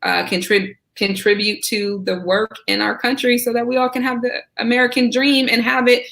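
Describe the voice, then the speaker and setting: Bright, talkative woman guest. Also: on the high side, fairly even intonation, moderate pace, gravelly. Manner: enthusiastic, talkative, asks rhetorical "right?". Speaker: guest, Senate candidate. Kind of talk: casual conversational interview.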